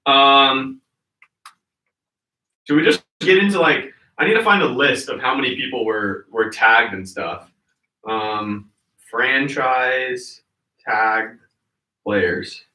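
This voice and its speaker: A man's voice: medium pitch, lively intonation, slow, long pauses, pushed and bright, reverberant, recorded from a distance, rough recording. A man hosting a sports podcast in casual, rambling chat with lots of fillers. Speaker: podcast host.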